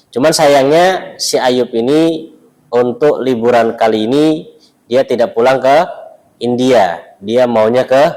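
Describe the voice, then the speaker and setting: An Indonesian-accented man leads a mosque class through an Arabic textbook. His delivery is relaxed and chatty, full of asides and quick checks with his students, at a middle pitch. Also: low-quality recording. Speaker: Arabic teacher.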